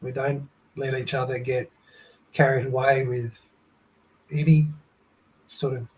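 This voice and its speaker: A man being interviewed, relaxed and hesitant, with many fillers. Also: medium pitch, measured pace, low-quality recording. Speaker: guest. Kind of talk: casual interview.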